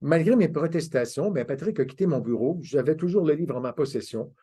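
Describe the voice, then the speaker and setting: A man's voice: medium pitch, expressive, fast, mellow, breathy edge. An older man, giving a conference talk as a self-mocking, anecdotal storyteller. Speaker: conference speaker. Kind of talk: storytelling lecture.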